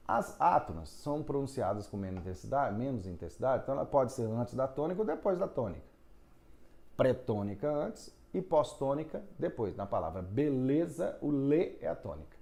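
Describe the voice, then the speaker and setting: A man's voice: medium pitch, big pitch swings, moderate pace, creaky, darkish tone. A man teaching a recorded phonetics lesson, explaining step by step, asking and answering his own questions and drawing out syllables to show stress.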